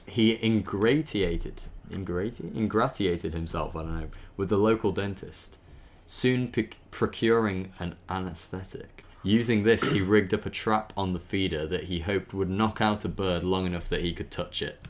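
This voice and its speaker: A man with a low voice, speaking at normal speed, reads a backstory aloud as host in an informal, dramatic way. He stumbles over words now and then and breaks off for chatty asides.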